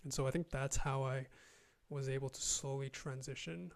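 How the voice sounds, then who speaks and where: Guesting on a casual video call, this young man, a YouTuber and language learner, speaks hesitantly with many fillers and restarts. His medium-pitched, creaky voice keeps a steady tone at a moderate pace. A studio mic sits close in front of him in a small room, and he wears earphones.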